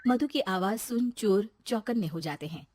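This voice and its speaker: A woman's voice: mid-range voice, animated, normal speed, over loud music. A woman narrating a scripted children's story in the present tense.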